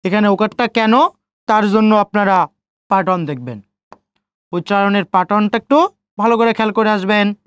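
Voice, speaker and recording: A man's voice: high-pitched, fairly bright tone, clear, resonant tone, no room sound. Male tutor, dry close sound. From Bangladesh. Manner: asks students rhetorical questions and answers them himself; repeats key points slowly. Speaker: teacher. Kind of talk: online exam-prep lecture.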